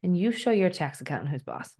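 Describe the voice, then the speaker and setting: A woman with a notably low voice talks as a podcast guest. She is direct and practical, explaining her bookkeeping work in a matter-of-fact tone. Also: very animated, fast, warm tone, breathy edge. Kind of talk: casual interview chat.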